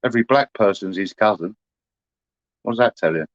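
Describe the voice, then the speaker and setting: A man's voice: lowish voice, a little fast, no room sound, muffled recording. A man, chatting casually to livestream viewers in a rambling, aggrieved way, full of "you know".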